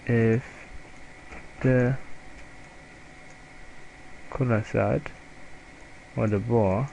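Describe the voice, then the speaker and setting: A young man with a German accent, a German native speaker, giving a halting, self-correcting software tutorial over a screen recording. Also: medium pitch, steady tone, vocal fry, dull audio, a little hiss or hum. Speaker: student presenter.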